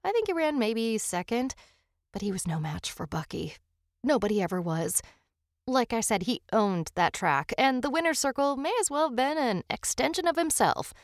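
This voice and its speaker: A chatty small-town father tells old racing stories in a folksy, rambling way, read by a woman. The voice has a gravelly fry and sounds close and dry. It comes across as a storybook reading rather than full acting. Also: on the high side, animated, normal speed, dry recording, pitched above the performer's own voice. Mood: reminiscing.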